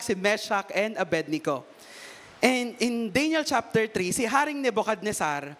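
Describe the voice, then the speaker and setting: A man with a strikingly high voice gives a relaxed, chatty sermon that moves between Tagalog and English. He keeps pulling listeners in with quick tag questions, like a preacher talking with the congregation rather than at it. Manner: conversational, peppers talk with tag questions. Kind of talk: Taglish sermon.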